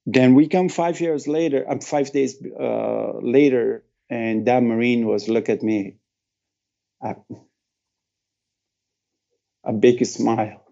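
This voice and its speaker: A middle-aged man from Afghanistan recounts a personal story in an interview, speaking haltingly with broken phrasing and emotional pauses. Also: mid-range voice, fairly even intonation, gravelly, warm tone, dull audio. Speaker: guest.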